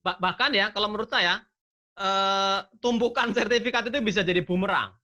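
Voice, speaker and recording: A man's voice: high voice, a little fast, pushed and bright. A man talking casually as a guest, giving earnest advice and explaining step by step, often asking himself rhetorical questions. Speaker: scholarship awardee guest.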